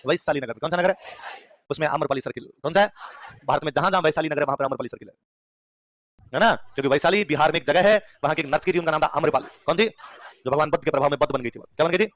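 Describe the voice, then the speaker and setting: Rapid-fire man quizzing a class. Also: fairly high pitch, no echo. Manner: rapid-fire quizzing, repeats questions, laughs between points. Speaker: history teacher. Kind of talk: exam revision lecture.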